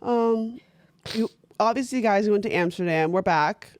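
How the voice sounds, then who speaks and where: A woman's voice: mid-range voice, normal speed, no echo. Young woman co-host, blunt, swears a lot, acts out quotes, dry close sound. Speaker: podcast co-host. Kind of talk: casual chat.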